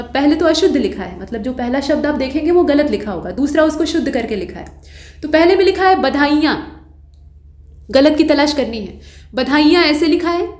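A woman with a high voice teaches exam-prep grammar, working through each answer step by step. She keeps putting questions to her students and fixes her own slips as she goes. The sound bounces around a roomy space. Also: darkish tone. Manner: patient explainer who asks students rhetorical questions; corrects her own slips mid-sentence.

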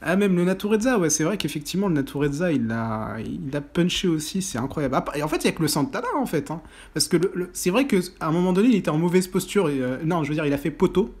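A man giving excitable commentary over a football video game he is playing, often breaking into loud exclamations and groans. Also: a little high, fast, husky. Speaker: gaming YouTuber. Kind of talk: mobile football gameplay commentary.

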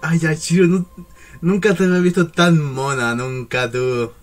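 Excitable man reacting to anime. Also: fairly high pitch, moderate pace, soft background music. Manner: emotional, exclamatory, swings from shouts to murmurs.

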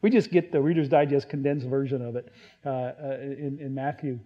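A man preaching a sermon in a conversational way, stumbling and restarting, now and then acting out Bible quotes loudly. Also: mid-range voice, fairly even intonation, moderate pace, muffled recording. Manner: conversational, self-deprecating preaching with many restarts. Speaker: pastor.

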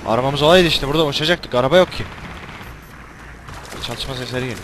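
A man doing casual let's-play commentary, crude and swearing, with loud angry outbursts at the game. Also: medium pitch, fast talker, slight background noise. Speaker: gameplay commentator. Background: game music and sound effects.

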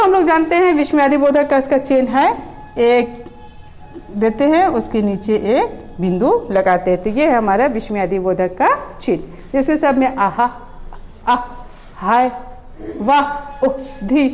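Middle-aged woman schoolteacher, high voice, Jharkhand Hindi accent; patient lecture full of examples and rhetorical questions. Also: darkish tone. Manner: explains with repeated examples and questions to students. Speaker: school teacher. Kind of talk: classroom grammar lecture.

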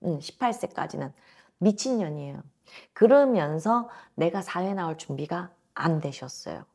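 A woman's voice: on the low side, lively intonation, moderate pace, gravelly, a little mellow, husky. A woman in her thirties giving a blunt, emphatic fortune-telling reading to a client, speaking into a lapel mic in a small indoor office. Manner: blunt, emphatic, talks down informally. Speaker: fortune teller.

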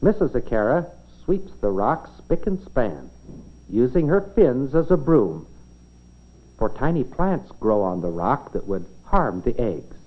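An American man narrates a scripted 1950s educational film in a very animated, mid-range voice, speaking a little slowly and explaining things simply like a storyteller for children. The soundtrack is dull and band-limited, typical of 1950s film.

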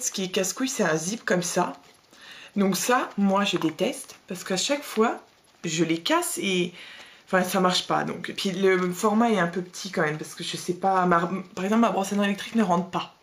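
A woman's voice: medium pitch, slight background noise. A young woman vlogging a casual beauty box review, chatty and blunt, with slangy asides and lots of fillers.

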